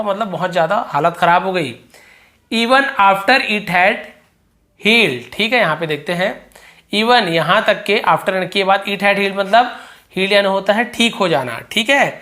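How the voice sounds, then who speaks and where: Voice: medium pitch, fairly bright tone. Chatty teacher translating English line by line. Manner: reads English slowly, explains chattily with repetitions.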